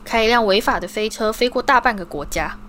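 A woman reading the part of a stern but caring mother witch who scolds her sons and softens toward a guest. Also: a little high, fairly quick, soft background music, close to an everyday voice. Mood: scolding. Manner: scolding, firm then soft.

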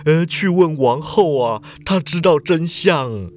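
A man's voice: a little high, expressive, slight background noise. A man putting on a frightened old shepherd. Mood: pleading. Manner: slow, moaning, pleading delivery.

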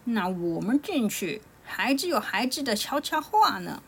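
A woman's voice: fairly high pitch, very animated, measured pace, vocal fry, fairly bright tone, husky, exaggerated voice. A woman voicing the monkey king as a wry, doting father in a storybook tale.

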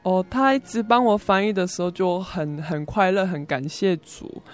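This interview guest is a young woman and student from South Korea, a native Korean speaker telling her story as a foreigner in Korean-accented Mandarin. Her pitch is fairly low and her speed normal. She speaks in hesitant, simple phrases with repetition while music plays.

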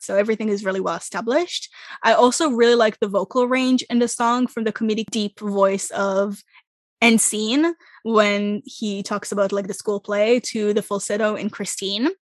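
A young woman from Israel, one of the podcast's co-hosts, talks excitedly about a musical in a relaxed chat, laughing a lot and describing herself as loud. She has a mid-range voice and a moderate pace, with no echo in the recording.

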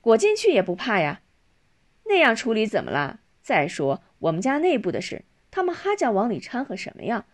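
An outspoken grown daughter insists on her point in a raised, eager voice, played by a woman narrator. Her pitch climbs and swings freely. It is told as a spoken storybook. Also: wildly swooping pitch, normal speed. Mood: indignant.

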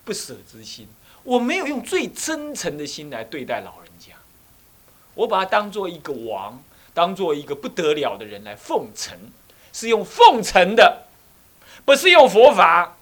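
Middle-aged Taiwanese monk teacher, animated storyteller, bright voice, higher pitch. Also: male voice, moderate pace. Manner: animated storytelling, acts out scolding voices, asks the listeners questions. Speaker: abbot and Buddhist teacher. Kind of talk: dharma talk with personal stories.

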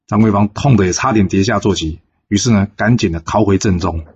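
A man casually narrating a classic folk tale in a relaxed, filler-heavy way. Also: lowish voice, fairly quick, husky, dull audio. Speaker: storyteller.

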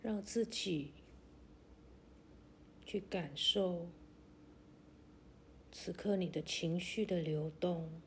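A woman narrating a guided meditation like a sleep story, in a gentle, soothing, deliberate way with long pauses. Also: lowish voice, slight background noise.

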